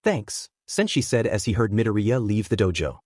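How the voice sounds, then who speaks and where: A man narrating a fanfiction story in a steady, plain reading voice. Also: fairly low pitch, a little fast, no room sound, clean studio sound. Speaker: fanfiction reader.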